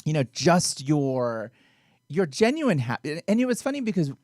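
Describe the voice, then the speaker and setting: A man hosting a podcast, telling stories in casual chat, animated and laughing often. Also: on the high side, a little slow, dry recording, studio quality. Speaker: podcast host.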